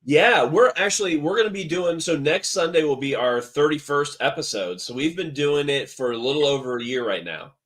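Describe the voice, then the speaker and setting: A man's voice: a little high, lively intonation, a little fast, hardly any pauses, a bit bright. A man appearing as a guest on a podcast, talking eagerly with many restarts. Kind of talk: casual interview chat.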